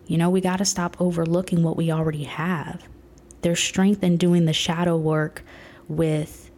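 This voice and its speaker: A woman's voice: sits low, warm tone. A woman, talking earnestly and from the heart, often dropping to a whisper. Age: 30s. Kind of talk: personal reflective talk.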